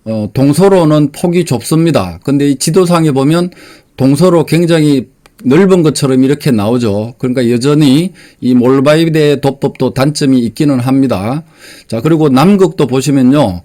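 A man hosts a quiz, reading out each question and then explaining the answer step by step. His voice is plain and unpolished, and he fills his pauses with short sounds. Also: mid-range voice, dark tone. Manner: plain, unpolished delivery with many fillers. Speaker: quiz host.

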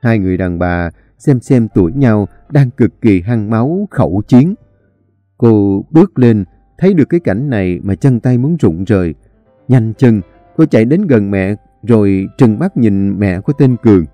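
A man's voice: fairly low pitch, normal speed, no echo, soft background music. A man narrating a dramatic novel expressively. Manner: expressive, animated storytelling. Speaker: story reader.

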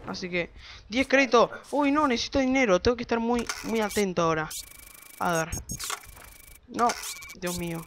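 A man giving casual, rambling game commentary from his bedroom, excitable and quick to swear. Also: sits high, background noise. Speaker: gameplay commentator. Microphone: desk microphone.

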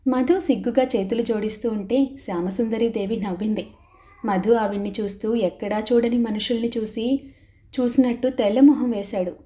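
Brief: woman narrator, soft warm tone, steady pace, reading a novel. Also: fairly high pitch. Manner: steady storytelling, voicing characters' lines. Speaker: audiobook narrator.

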